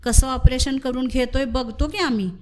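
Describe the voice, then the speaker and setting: A woman's voice: sits high, steady tone, normal speed, close to an everyday voice. A woman voicing a worried older village mother-in-law who speaks in rural dialect. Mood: soothing. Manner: anxious, scolding rural dialect.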